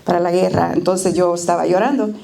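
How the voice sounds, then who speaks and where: Middle-aged woman, church testimony, mellow dark tone, tender and plainspoken with pauses. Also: lowish voice, fairly even intonation, gravelly, slight background noise. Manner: tender, plainspoken, with frequent hesitations. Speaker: church member giving a reflection. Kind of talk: personal testimony and prayer. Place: church service.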